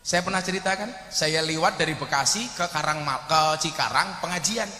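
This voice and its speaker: A man with a Javanese accent preaching a humorous sermon, telling animated stories and shouting out his punchlines. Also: fairly high pitch, normal speed, soft background music. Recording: echoey hall reverb.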